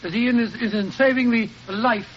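An actor playing a genial, loyal doctor and detective's companion, affable and earnest, in an old radio mystery drama. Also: male voice, very high voice, fairly even intonation, a little fast. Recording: muffled, noisy old radio recording.

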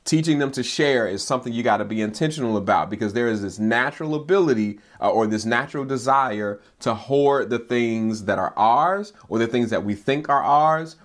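A man preaching as a pastor in a personal, conversational teaching style, informally peppering his points with "like" and "right?". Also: medium pitch. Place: home basement playroom.

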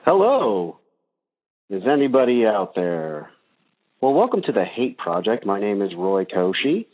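A man's voice: lowish voice, big pitch swings, measured pace. A man hosting a call-in show over the phone, talking in a casual, rambling way with many ums and uhs. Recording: tinny phone line.

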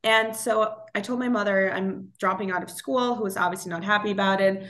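A woman in her twenties, by birth, tells her story in relaxed conversation. She laughs easily and often restarts her sentences, filling gaps with small hesitations. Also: medium pitch, fairly quick. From Germany (Berlin). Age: 20s. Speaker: guest, interior designer. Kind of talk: casual interview conversation.

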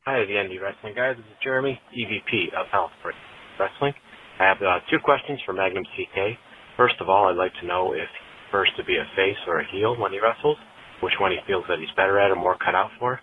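Brief: quick, deep male caller, formal and courteous, heard through a tinny phone line. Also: slight background noise. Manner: polite, formal, reads out prepared questions. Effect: voicemail over a phone line. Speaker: voicemail caller.

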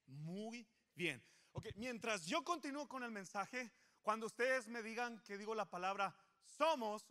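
A male pastor preaches to his congregation in a high, bright voice. He is animated and playful, coaxing the crowd into call-and-response and teasing them to stay awake. The sermon moves between encouragement and light jokes. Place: church service before a congregation.

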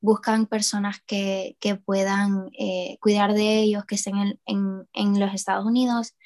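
A woman's voice: mid-range voice, level tone, unhurried, darkish tone. A young woman from New Orleans, a student guest in an interview, talking with hesitant fillers and restarts. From New Orleans, USA. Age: young adult. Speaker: guest, student and project founder. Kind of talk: casual interview.

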